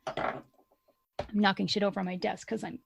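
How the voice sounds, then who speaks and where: A woman's voice: mid-range voice, level tone, normal speed, creaky, a little hiss or hum. A young adult woman hosting a podcast, telling a true-crime story in a casual way and reacting bluntly and angrily, with frequent swearing. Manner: blunt, indignant, swears freely. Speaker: podcast co-host.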